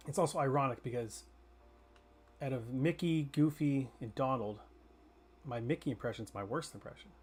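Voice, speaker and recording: A man chatting casually with his chat while streaming a game, joking and swearing freely. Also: medium pitch. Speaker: gaming streamer. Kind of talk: casual live gameplay chatter.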